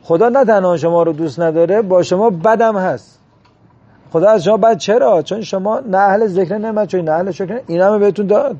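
A man preaching a sermon, chanting verses slowly and pressing rhetorical questions. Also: high-pitched, warm tone. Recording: dull lo-fi recording.

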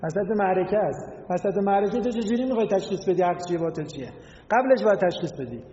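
A man's voice: high-pitched, animated, mellow, a little hiss or hum. A man giving a religious lecture, explaining word meanings and asking his listeners rhetorical questions. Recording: echoey hall, dull lo-fi sound.

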